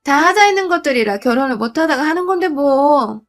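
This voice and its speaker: Woman doing a scornful, sneering middle-aged sister-in-law, a touch higher, storybook read. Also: expressive, fairly quick. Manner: sneering, contemptuous.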